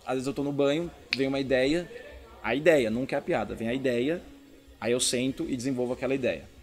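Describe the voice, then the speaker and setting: A man's voice: mid-range voice, a little fast. A man with a Brazilian accent, a comedian explaining things casually in an interview, repeating words for emphasis. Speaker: stand-up comedian being interviewed.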